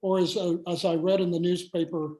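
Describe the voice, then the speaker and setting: A man's voice: high-pitched, flat delivery, fairly quick, mellow. A man hosting an online community meeting, talking with many hesitant fillers. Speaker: meeting host. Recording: echoey room.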